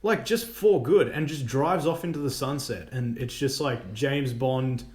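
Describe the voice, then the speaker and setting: An excitable young man talks movies as co-host of a casual chat show, his voice sitting at an ordinary pitch. His words jump from topic to topic, often with bursts of enthusiasm. The room gives everything a noticeable echo. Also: measured pace. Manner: animated, jumps between topics with bursts of excitement. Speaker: podcast co-host. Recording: roomy echo.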